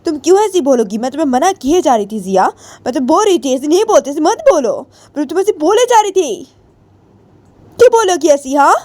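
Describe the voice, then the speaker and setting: A woman voicing an angry young woman who scolds in a shrill, raised voice and refuses to talk. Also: very animated, racing, gravelly, few pauses, warm tone.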